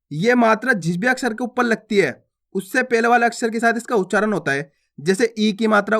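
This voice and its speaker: A man's voice: high voice, a bit bright. A man teaching a reading lesson to online viewers, drilling words by asking a question and answering it himself, and often checking that they understand. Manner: repetitive drill, asks and answers own questions.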